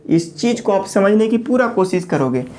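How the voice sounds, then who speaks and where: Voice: mid-range voice, expressive, moderate pace, a little mellow. An engineering lecturer who asks questions, answers them, and repeats key terms while checking in with the listener. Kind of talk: classroom lecture.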